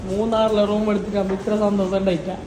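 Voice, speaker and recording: A woman's voice: mid-range voice, level tone, racing, music in the background. A woman with a Kasaragod Malayalam accent chatting casually for a family vlog, mixing English words into her Malayalam. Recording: noisy, crowded, echoey vlog audio.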